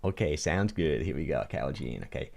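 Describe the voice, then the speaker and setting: A fitness coach in his sixties livestreams from his colorfully lit home studio, his rich, deep, low voice gravelly and fairly quick as he speaks into a large boom-mounted studio mic close in front of him. Casual and animated, he gestures while reading viewer comments and answering questions, often restarting and repeating words.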